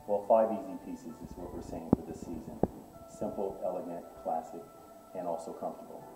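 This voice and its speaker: A middle-aged man who runs a clothing boutique gives an interview walkthrough of his goods, selling hard and filling gaps with filler words. His low voice holds fairly even intonation at a slightly fast clip. The camera is distant, loud music plays, and the indoor shop sounds echoey.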